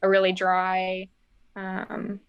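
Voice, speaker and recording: Woman brewer guest, mid pitch, explanatory, lots of um and like. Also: completely flat delivery, takes it slowly, clean tone, highs cut off. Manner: explains technical detail with many fillers. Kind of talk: casual chat.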